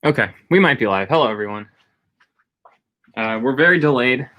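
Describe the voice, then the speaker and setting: A man talks loosely on a home livestream, reading out viewers' names and chatting about his day. His voice sits in an ordinary middle pitch, and his speech wanders with easy restarts. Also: animated, normal speed, fairly bright tone, slight background noise. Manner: rambling, greets chat viewers by name. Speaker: livestream co-host. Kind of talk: casual livestream chat.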